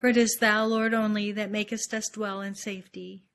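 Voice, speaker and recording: Female congregant, formal liturgical responses, middle pitch, little melodic movement. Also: little pitch movement, normal speed. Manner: formal recitation.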